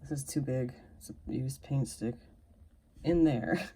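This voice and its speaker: Her voice is extremely low and mellow, and she speaks unhurriedly against slight background noise. This toy reviewer is unboxing a collectible figure in relaxed, self-deprecating chat. She slips into whispers while handling it.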